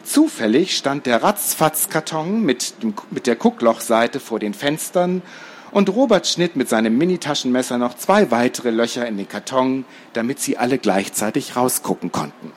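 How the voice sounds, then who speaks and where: Lively man reading a storybook aloud. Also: medium pitch, normal speed, a little hiss or hum. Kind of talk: reading a children's book aloud.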